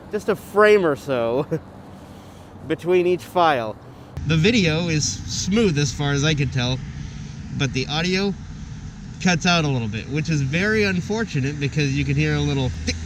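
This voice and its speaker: His voice is somewhat higher and muffled behind a balaclava as this vlogger talks casually while riding an electric bike along a trail. Recorded on a gimbal camera or a lapel mic with a windscreen, the audio carries outdoor wind, motor hum and traffic.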